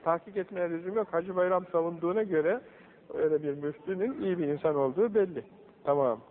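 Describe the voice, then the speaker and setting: Old tinny recording of a storytelling preacher. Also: male voice, high-pitched, a little fast, big-room sound. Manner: animated storyteller acting out quoted voices. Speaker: religious teacher. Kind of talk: religious talk, storytelling.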